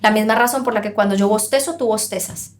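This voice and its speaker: A woman who is a parenting expert, explaining on a podcast in an animated way and acting out the voices of parents and children. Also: medium pitch, fast.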